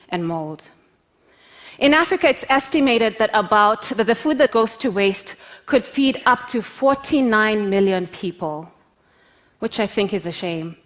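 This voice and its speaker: A woman's voice: mid-range voice, fairly bright tone. Earnest woman. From Kenya. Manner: earnest, measured, with facts and figures. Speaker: speaker. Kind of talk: public talk.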